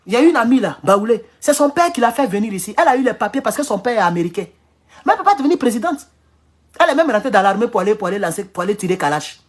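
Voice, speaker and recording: Husky Ivorian man, animated monologue. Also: high voice, very fast. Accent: Ivorian French. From Ivory Coast. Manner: animated, repeats phrases, chuckles often. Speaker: political commentator. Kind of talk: casual political monologue. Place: at home in his kitchen.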